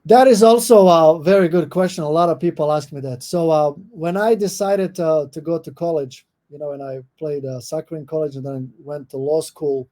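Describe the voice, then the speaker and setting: A middle-aged Croatian man speaks in a dark, mellow voice, pitched a little high. He answers interview questions thoughtfully, often pausing with "um" and restarting his sentences. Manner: thoughtful, with many fillers and restarts. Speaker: guest professor. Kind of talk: podcast interview.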